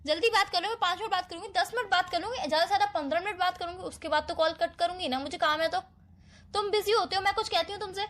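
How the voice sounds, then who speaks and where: A woman's voice: very high-pitched, fast, a bit bright. A woman playing a hurt, defensive young girlfriend. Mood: arguing. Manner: defensive, pleading, emotional. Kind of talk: amateur romantic audio drama.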